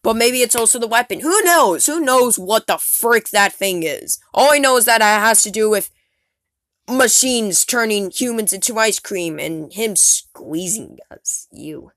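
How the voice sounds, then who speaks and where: A woman hosting a gaming channel, talking casually through her theories in a rambling, excitable way, full of "like" and "um", recorded on a phone screen recorder. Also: fairly high pitch, unhurried, dry recording, studio quality. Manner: rambling, filler-heavy, excitable, trails off. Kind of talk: casual theory talk over gameplay.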